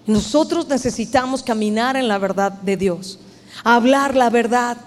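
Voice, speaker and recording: Earnest and emphatic, a woman with a fairly high voice addresses a women's meeting in a church hall, preaching at a measured pace. She speaks straight to her audience, and the recording carries a long hall reverb.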